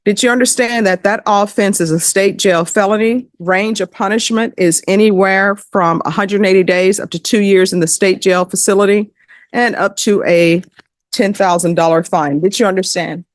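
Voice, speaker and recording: Female judge on the bench, steady mid-pitched voice, formal and measured, dry mic. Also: no room sound. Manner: measured, formal reading of legal admonishments. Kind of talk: formal courtroom proceedings. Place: courtroom.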